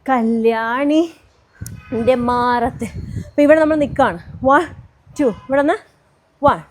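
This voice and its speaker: Woman dance teacher, high voice, unhurried counting and sung cues. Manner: counts beats aloud, sings lyric lines slowly. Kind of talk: step-by-step dance tutorial.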